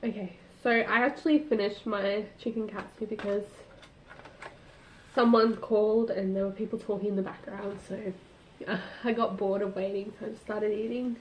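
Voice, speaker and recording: A woman with a medium-pitched, fairly flat voice hosts a casual solo podcast at a moderate pace, slight noise in the background. She chats with lots of "like" fillers and laughs at herself. It was recorded on a tablet's built-in mic, so the sound is roomy and dull.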